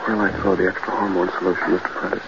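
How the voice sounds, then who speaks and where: Brief: a man as a hollow-voiced young assistant in a vintage radio horror play, low and quick, hissy broadcast. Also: natural voice. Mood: eerie. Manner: repetitive, hollow. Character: young male assistant, eerie and flat. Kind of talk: 1940s radio acting. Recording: muffled old radio recording with hiss.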